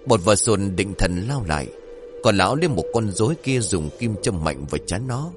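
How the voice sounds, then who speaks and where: A man narrating a story in an expressive, dramatic way, with faint music behind. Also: lowish voice, moderate pace.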